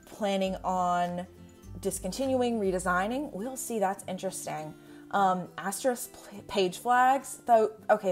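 A woman's voice: mid-range voice, darkish tone. A young woman vlogging at home, chatting casually through a product review with lots of fillers. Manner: chatty, rambling with many fillers. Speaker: planner vlogger. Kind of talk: casual screen-share review. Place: indoors at home.

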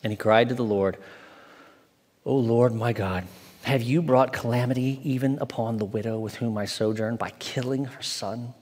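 A man in his forties, an associate pastor, reading scripture aloud in a measured way and then preaching a sermon. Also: medium pitch, fairly even intonation, darkish tone. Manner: measured, reads aloud slowly from an open Bible. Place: church stage, large indoor hall. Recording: long hall reverb from a church sanctuary.

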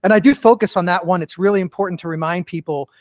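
A man's voice: sits high, fast, darkish tone, no room sound. A middle-aged man, a guest author and keynote speaker, telling earnest stories in a casual podcast interview, often saying "you know". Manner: earnest storytelling with many "you know" fillers.

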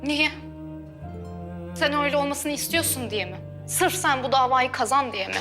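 A woman's voice: high-pitched, expressive, moderate pace, music in the background. Furious grieving young woman. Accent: Turkish. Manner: heated, accusing, breaking off. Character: grieving young woman, angry at her boyfriend the lawyer. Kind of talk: TV drama acting.

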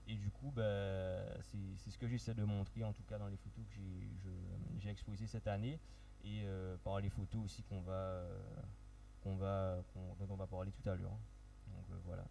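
Hesitant young man, low mellow voice. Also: flat delivery, normal speed, vocal fry. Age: young adult. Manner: hesitant, searching for words. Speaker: photographer guest. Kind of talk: informal self-introduction on a panel. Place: dark event stage. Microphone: handheld microphone. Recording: faint hum and noise.

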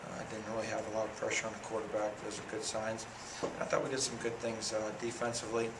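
A man in his thirties talks after a game in a low, even voice that barely rises or falls. He is a football coach at a press conference, picked up from across an echoey press room by a distant camera, with a steady hiss of noise under him. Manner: plain, measured, many fillers and restarts. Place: press room in front of a sponsor backdrop. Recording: echoey room audio from a far camera, noisy.

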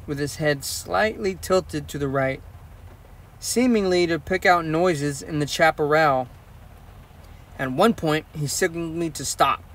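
A man narrating an audiobook in a measured, steady first-person storytelling voice. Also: on the high side, recorded from a distance, a little hiss or hum. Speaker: audiobook reader.

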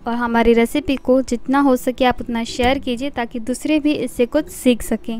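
A middle-aged woman hosting a cooking show, calmly explaining each recipe step and listing the ingredients one by one in a voice-over. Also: a little high, moderate pace.

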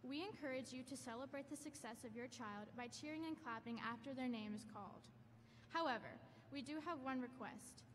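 A woman's voice: sits high, a little hiss or hum. A woman student speaker reading a formal announcement at a graduation podium, careful and formal. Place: large school gymnasium. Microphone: podium microphone through hall speakers. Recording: echoey gym from far off.

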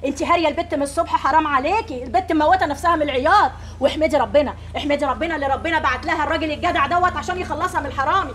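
An actress with an Egyptian accent playing an older woman who calms and placates others in a TV drama. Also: high-pitched, very fast, few pauses, a little hiss or hum. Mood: placating. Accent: Egyptian Arabic. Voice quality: coaxing, placating. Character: soothing older peacemaker woman. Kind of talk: TV drama acting.

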